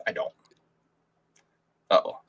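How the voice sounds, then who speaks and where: A man's voice: takes it slowly, fairly bright tone, dull audio. A man co-hosting a casual sports podcast over a video call, rambling through his fight pick with lots of swearing and restarts. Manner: rambling, profane, restarts often. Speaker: podcast co-host, fight picker.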